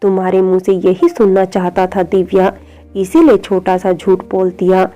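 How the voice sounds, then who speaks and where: A woman voicing a young husband recovering from surgery, speaking gently and with affection. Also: mid-range voice, little pitch movement, normal speed, natural voice. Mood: affectionate.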